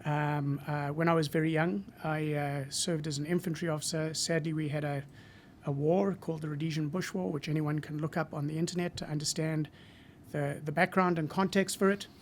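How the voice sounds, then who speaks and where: A Zimbabwean man in his sixties, a marketing professor, is a guest on a podcast interview, speaking with a Zimbabwean accent. His voice sits on the high side with fairly even intonation, and he sounds reflective and measured, hesitating often. Slight background noise is present.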